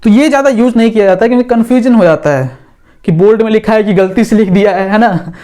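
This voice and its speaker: A man's voice: high voice, quick pace, dark tone. A man teaching a physics lesson in a casual, patient way, drawing on a board as he talks and often checking that the class follows.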